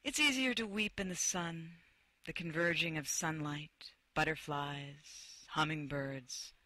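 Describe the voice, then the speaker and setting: A woman's voice: low voice, measured pace, bright, forceful tone, no room sound. A woman hosting an interview, playful and effusive, who also reads a passage aloud. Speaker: interview host. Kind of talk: casual interview and reading aloud.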